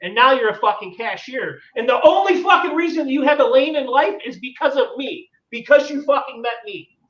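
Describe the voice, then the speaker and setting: A man's voice: very high voice, lively intonation, normal speed, a bit bright. A man in his thirties hosting a podcast, telling a story in an exasperated, profane rant. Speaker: podcast host. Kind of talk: ranting casual chat. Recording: echoey room, distant dull mic.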